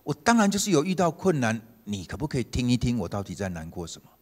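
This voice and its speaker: A man, a pastor telling a story in his sermon, swinging from emphatic to hushed and tender. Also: medium pitch, sing-song, quick pace. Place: church sanctuary. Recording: long church-hall reverb.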